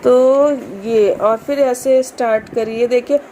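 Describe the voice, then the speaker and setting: एक महिला शांत और समझाने वाले अंदाज़ में धार्मिक पाठ के नियम बताती है और बीच-बीच में संस्कृत श्लोक धीरे-धीरे पढ़ती है।. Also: female voice, on the high side, a little hiss or hum. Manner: calm, explanatory, recites Sanskrit verses slowly. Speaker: religious instructor. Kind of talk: explaining scripture recitation rules.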